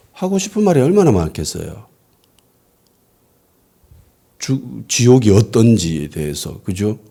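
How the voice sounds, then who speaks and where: A man, a pastor preaching a conversational sermon and asking the congregation questions. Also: fairly low pitch. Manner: lively, asks the congregation rhetorical questions. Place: church worship service.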